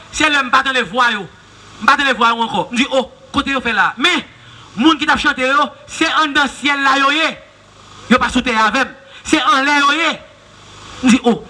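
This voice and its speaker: A Haitian man preaching an open-air revival sermon, chanting repeated refrains and breaking into sudden shouts. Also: very high voice. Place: outdoor public square.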